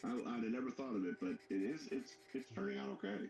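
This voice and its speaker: A man's voice: mid-range voice, very animated, fast talker, vocal fry, darkish tone. A man co-hosting a live hobby show, making dry, joking remarks about his model. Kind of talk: casual chat. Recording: roomy sound with faint background noise.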